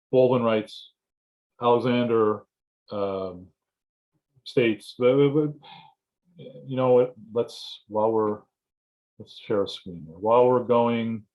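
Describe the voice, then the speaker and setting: A man lecturing informally to students as a writing instructor on a video call, halting and often restarting his phrases. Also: mid-range voice, darkish tone. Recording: dull, muffled lo-fi audio.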